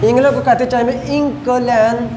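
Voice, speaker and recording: A male lecturer teaches Chinese words, slowly repeating each pronunciation several times. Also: very high voice. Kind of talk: recorded university lecture. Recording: roomy echo, faint background noise.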